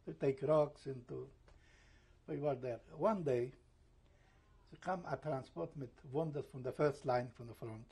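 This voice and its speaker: Gravelly, husky elderly man recounting memories. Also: mid-range voice, a little mellow. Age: 70s. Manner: halting, broken English with searching pauses; slips into German and Hebrew words. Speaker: Holocaust survivor giving testimony. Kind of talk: oral history interview.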